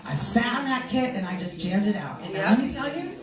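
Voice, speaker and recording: A woman's voice: on the high side, expressive, a little fast. A middle-aged woman talking casually to a live group, chatty, jokey and self-assured. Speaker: presenter at a benefit event. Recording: echoey room, voice from far off, crowd behind.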